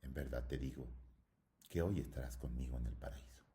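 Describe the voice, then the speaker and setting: A man voicing a gentle, dying Christ figure in a read-aloud story, soft and solemn. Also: extremely low pitch, fairly quick, a little hiss or hum. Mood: tender.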